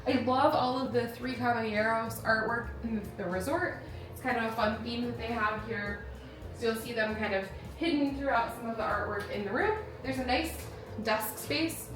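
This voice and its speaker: Woman vlog host, slightly high, chatty and descriptive; echoey room, music and chatter behind. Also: normal speed. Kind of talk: casual vlog chat and room tour.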